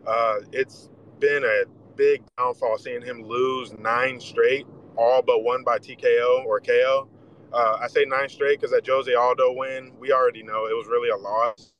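A man's voice: medium pitch, steady tone, unhurried, fairly bright tone, dull audio. A man calls in over a bad connection that keeps cutting out, and he sounds distant from the mic. He talks casually and hesitantly, with plenty of "uh"s. Faint noise sits under his voice. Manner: hesitant, lots of "uh". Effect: bad, breaking-up call connection. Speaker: caller. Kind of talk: casual call-in chat. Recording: distant, patchy call line.

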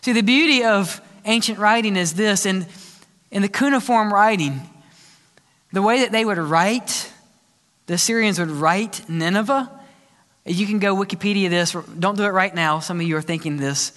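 A man preaching a sermon to his congregation, animated and asking the room questions. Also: high-pitched, normal speed, big-room sound. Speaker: pastor. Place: church.

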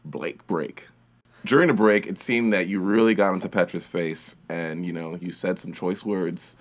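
A man hosting an improvised comedy podcast, playful and quick to laugh as he questions the guests. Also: sits low. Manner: playful, laughs often, interviewer tone. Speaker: podcast host.

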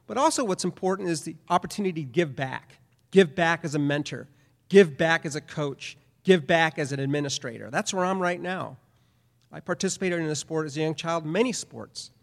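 A man's voice: on the high side, fairly quick. A middle-aged man giving a conference presentation as a professor, speaking emphatically with repeated phrases. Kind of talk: lecture presentation. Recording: long hall reverb.

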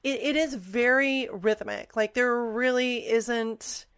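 A woman's voice: fairly high pitch, fairly even intonation, slow, a bit bright, clean tone, no echo. A woman co-hosting a music podcast, chatting casually and saying "like" often. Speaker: podcast co-host.

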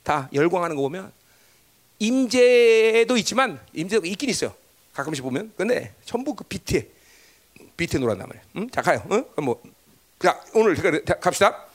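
Pastor guy preaching, high voice jumping all over the place, emphatic, keeps asking the crowd to agree. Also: big pitch swings, brisk. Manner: emphatic, pitch swinging widely, constant tag questions to the congregation. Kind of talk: sermon.

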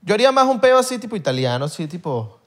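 A young man with a Venezuelan accent co-hosts the podcast in playful banter. His voice sits a bit higher than most men's. He keeps it light and joking. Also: sing-song, quick pace. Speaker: podcast co-host. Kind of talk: casual chat.

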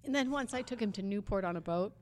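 A woman guest telling lively stories in a casual interview, laughing often and acting out what people said. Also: medium pitch, quick pace. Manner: animated storyteller, laughs often, acts out quotes.

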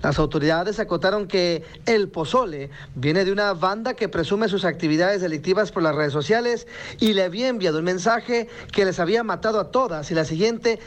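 A man giving a news report on a radio show in a steady, informative way. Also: sits high, brisk.

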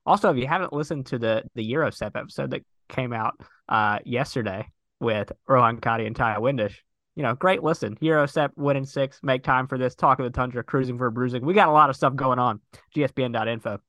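A man's voice: medium pitch, brisk, fairly bright tone, no echo. A man hosting a sports podcast, chatting casually in an upbeat way with frequent fillers. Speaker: podcast host.

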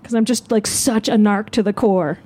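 A woman comedian telling a comic story live on stage, animated and self-mocking. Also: moderate pace. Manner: animated, self-mocking, jumps into high voices. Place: live show outdoors.

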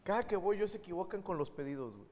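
A man's voice: sits high, expressive, rapid-fire, a little mellow. A man, a comedian co-hosting a chat, telling crude anecdotes with acted-out quotes. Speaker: comedian, podcast co-host. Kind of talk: casual comedic storytelling. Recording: reverberant room with faint ambient noise.

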